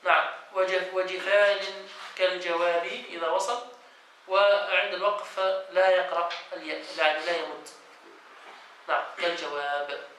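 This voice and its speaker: Sheikh guy quizzing his students, bright voice, lots of room echo, faint hiss. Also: high voice, steady tone, normal speed, distant mic. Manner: reads a passage, then explains it and quizzes students. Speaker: sheikh teaching Quran exegesis. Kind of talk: classroom lesson, reading and explaining. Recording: echoey room, voice from off-mic, faint noise.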